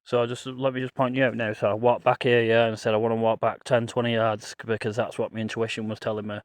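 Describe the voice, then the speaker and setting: A man's voice: medium pitch, flat delivery, fast talker, no room sound. A man narrating a casual ghost-hunt vlog as a paranormal investigator, musing aloud to himself and to spirits. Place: outdoors on a path at night.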